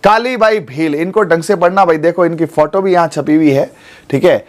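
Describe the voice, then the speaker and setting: Man in his 40s, high voice, coaching lecture in a studio, keeps checking with students. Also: normal speed. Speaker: teacher. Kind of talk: exam coaching class lecture. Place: studio classroom.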